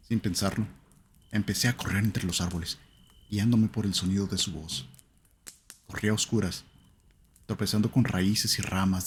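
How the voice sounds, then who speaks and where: A man narrating a first-person horror story in a slow, somber, suspenseful way. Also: deep voice, slight background noise.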